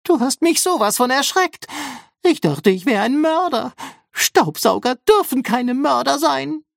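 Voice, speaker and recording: A man's voice: sing-song, normal speed, vocal fry, fairly bright tone, no echo, clean studio sound, exaggerated voice. A man voicing Rambo, an anxious male vacuum robot who shrieks in panic, in an audiobook. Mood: indignant. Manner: panicky, shrill outbursts.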